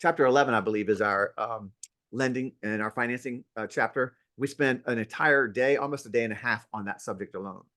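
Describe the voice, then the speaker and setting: Brief: male real estate instructor, mid-pitched, emphatic and playful, a lively storyteller. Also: fairly quick. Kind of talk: interview conversation. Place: at home near an outdoor deck.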